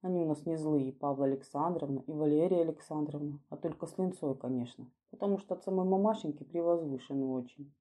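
A woman voicing a kindly, fussy old male footman who talks in soft, coaxing, folksy speech. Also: low-pitched, fast talker, few pauses. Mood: hushed.

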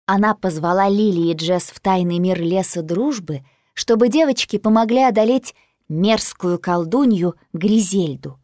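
A woman narrating a children's storybook in a lively, expressive reading. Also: medium pitch, normal speed, dry recording, clean studio sound. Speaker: audiobook narrator.

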